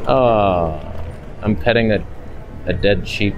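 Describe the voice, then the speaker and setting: This is a man in his thirties vlogging on the move through a market and outdoors, talking into a handheld camera held at arm's length. He speaks slowly in a lowish voice, making wry, joking asides. The audio sounds dull, and the camera picks up lots of ambient noise.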